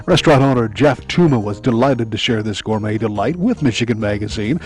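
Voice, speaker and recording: A man's voice: lowish voice, expressive, a little fast, a little mellow, faint music behind. Upbeat male TV narrator. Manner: upbeat promotional delivery. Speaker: TV magazine co-host. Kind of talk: scripted narration.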